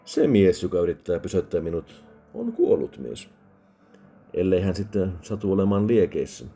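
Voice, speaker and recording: A man voicing a drunk, bitter, menacing soldier with a drunken rasp, harsher and louder than his narration. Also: deep voice, very animated, faint music behind, heavily acted.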